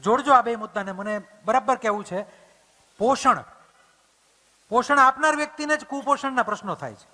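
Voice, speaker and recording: High-pitched, bright male speaker, storytelling to a crowd, echoing hall, long reverb. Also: quick pace, hardly any pauses. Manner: acts out family dialogue in plain voice. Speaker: motivational speaker. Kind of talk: storytelling talk to an audience. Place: community hall event. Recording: hall reverb, stage mic.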